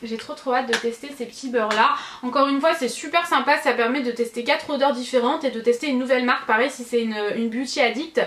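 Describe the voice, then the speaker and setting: A woman's voice: fairly high pitch, fairly even intonation, fast talker, few pauses, fairly bright tone, roomy sound, a little hiss or hum. A woman beauty vlogger casually reviewing gift sets, chatty and gushing, with many fillers and self-corrections.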